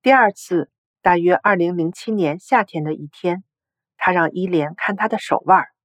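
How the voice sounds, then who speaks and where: A woman narrating a story article in a steady, even storytelling read. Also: lowish voice, moderate pace, no echo.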